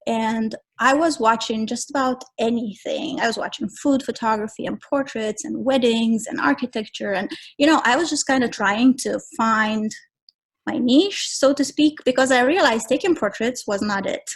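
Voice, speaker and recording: A woman in her forties with a fairly high voice tells her story as a podcast guest. She talks in a measured, reflective way, pausing often on ums as she thinks. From Romania. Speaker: guest, travel photographer. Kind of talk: casual interview.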